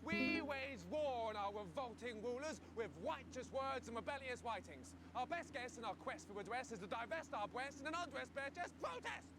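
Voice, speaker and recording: An actor playing an aggrieved aristocratic son with an upper-class English accent and a pompous country-squire manner. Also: male voice, very high-pitched, expressive, moderate pace, few pauses. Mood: defiant. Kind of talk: comedy game acting. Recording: very noisy outdoor news report.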